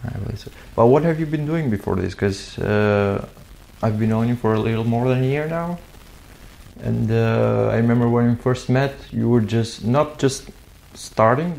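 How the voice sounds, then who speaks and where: Gravelly male interview host. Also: lowish voice, darkish tone. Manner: inquisitive, repeats words when searching. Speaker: podcast host. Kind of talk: casual interview chat.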